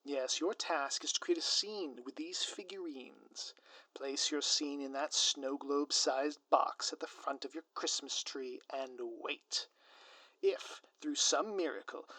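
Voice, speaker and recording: A man with a mid-range, sharp-toned voice and no echo plays a gleefully scheming, grandiose supervillain in an audio roleplay. His delivery is pompous, taunting, florid and melodramatic.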